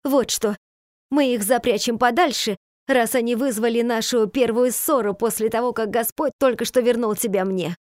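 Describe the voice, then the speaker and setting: A woman's voice: mid-range voice, expressive, normal speed, a little mellow, no echo, studio quality, close to an everyday voice. A woman voicing an emotional, outspoken peasant wife who talks in a raised, pleading, reproachful way. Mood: agitated.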